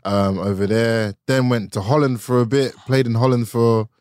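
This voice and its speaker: A man's voice: medium pitch, steady tone, moderate pace, a little mellow. A young man with a London-area roadman accent, chatting casually in a slangy, laddish, sweary way. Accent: London-area English, urban roadman slang. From England. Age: young adult. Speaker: footballer, podcast guest. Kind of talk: casual chat.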